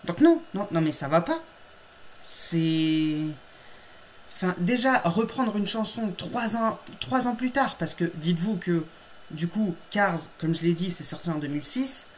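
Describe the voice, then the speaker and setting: A man's voice: sits high, animated, measured pace, slight background noise. A man hosting a casual reaction video, chatty and emphatic, often laughing at his own mistakes. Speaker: YouTube host reacting to his old episode.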